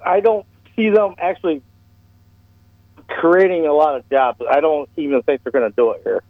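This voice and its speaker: A male caller phones into a radio talk show for a casual chat, his slightly high voice moving at a moderate pace with no echo. He's blunt, plain-spoken and rambling, coming through a clipped, crackly, bad phone line.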